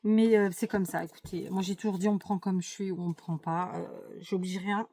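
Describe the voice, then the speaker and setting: A woman's voice: mid-range voice, steady tone, fairly quick, mellow. A middle-aged woman from France chatting to her viewers, opinionated and full of fillers and asides, with a noisy home recording. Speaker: YouTube vlogger. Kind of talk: casual chat to camera while doing a craft task.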